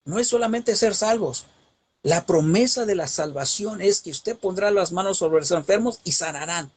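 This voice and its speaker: A man with a slightly husky, fairly high voice delivers a Bible teaching. He preaches emphatically, pressing his points with rhetorical questions and rising cadences. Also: normal speed, darkish tone.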